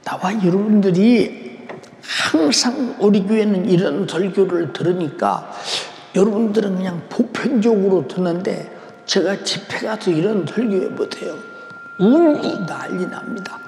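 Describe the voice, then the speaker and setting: An older man preaching a fervent sermon as pastor, his voice swinging from loud declarations to hushed near-whispers. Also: sits high, lively intonation, a little slow, gravelly. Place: large church sanctuary. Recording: echoey hall with long reverb.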